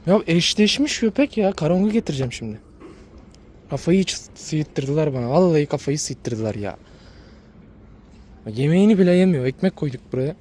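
A man's voice: on the high side, expressive, moderate pace, pauses often, warm tone. A man casually vlogging, talking to his dogs and viewers and repeating himself. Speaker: dog breeder vlogger.

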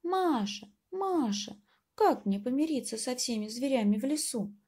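A woman voicing a small young male mouse in a children's storybook, calling out greetings in a high, drawn-out voice. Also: animated, mellow, breathy edge, full character voice. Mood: eager.

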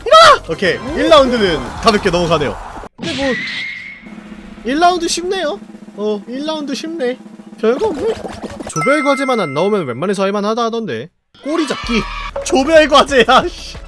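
A high-voiced man commenting on a game as he plays it, with a very lively voice that jumps from low mutters to sudden shouts. He yells at the other players and curses them. Music plays clearly behind him. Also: normal speed. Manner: yells and laughs at the game, swears at rival players. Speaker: game streamer. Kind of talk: excited gameplay commentary.

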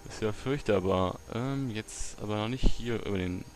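A man with a fairly low voice talks through his gameplay in a loose, chatty way. He mutters to himself and sometimes bursts out loudly. There is a faint hiss under the recording. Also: a little slow. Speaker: let's play gamer. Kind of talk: casual gameplay commentary.

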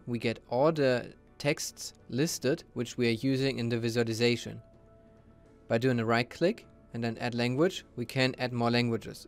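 A man with a mid-range voice narrates a software tutorial over a screen recording. He explains each step in a steady, methodical way, and faint music sits quietly beneath him. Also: mid-range voice.

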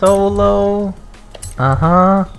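A young man hosting a racing game let's-play, excitable and stammering, laughing and swearing as he reacts. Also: high-pitched, extremely slow, creaky, faint music behind. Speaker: gaming channel host.

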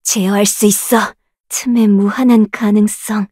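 A woman voicing a proud, confident young female researcher in a game, delivering self-assured lines and commanding skill shouts. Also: mid-range voice, level tone, measured pace, breathy edge, no room sound, studio quality. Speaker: voice actress for a game character.

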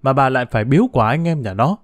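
A man narrator voicing a quick-tempered seventy-year-old village man who scolds his wife. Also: medium pitch, no room sound, natural voice. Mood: indignant. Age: 70s.

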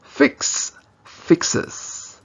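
A man's voice: extremely slow, fairly bright tone, lo-fi sound. A man teaching an English lesson in Spanish, explaining grammar patiently and repeating example sentences in both languages.

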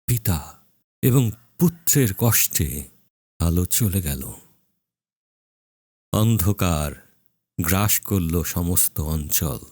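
A man preaching a dramatic sermon, slow and solemn, leaning hard on emphatic words with long pauses. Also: deep voice, animated, darkish tone, no room sound, studio quality.

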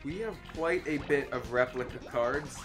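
A man's voice: mid-range voice, normal speed. A young man giving casual, informal, rambling gameplay commentary as the host of a let's play. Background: game music.

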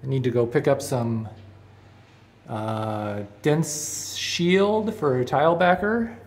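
A man filming his own basement renovation, calmly talking through the work as he goes and thinking out loud with small restarts and fillers. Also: medium pitch, slow. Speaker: DIY home renovator. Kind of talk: casual first-person narration. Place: unfinished basement room indoors.

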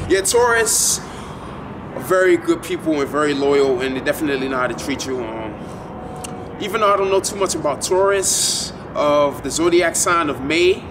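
Man in his twenties, high voice, laid-back rambling vlog, distant camera mic, street noise behind. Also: lively intonation, moderate pace. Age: 20s. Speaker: vlogger. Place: outdoors at night in front of a building. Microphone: camera a few feet away.

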